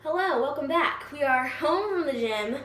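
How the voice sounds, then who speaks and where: A young woman talking casually and informally to her vlog viewers, often softening things with filler words like "like" and "kind of". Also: sits high, animated, normal speed. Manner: chatty, informal, hedging with "like" and "kind of". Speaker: fitness vlogger. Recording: roomy echo, faint background noise.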